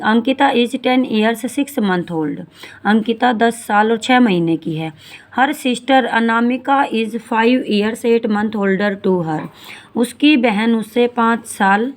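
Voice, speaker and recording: A math teacher in her forties, with a fairly high-pitched voice, reads English word problems slowly during a lesson. She explains each step in Hindi and calls her students beta.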